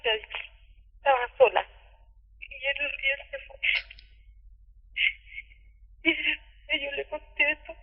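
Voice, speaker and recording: A middle-aged Chilean woman giving a halting, emotional account over the phone, often repeating herself. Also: high voice. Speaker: caller recounting abuse. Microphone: telephone. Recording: tinny phone line with echo.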